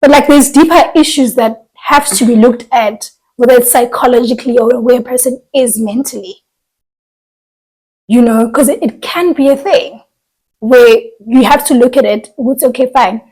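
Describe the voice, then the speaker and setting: Casual podcast co-host: woman, husky higher voice, thinks out loud. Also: moderate pace, rough recording. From southern Africa, living in South Africa. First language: a southern African language. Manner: thoughtful, trails off and restarts mid-thought. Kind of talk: casual chat.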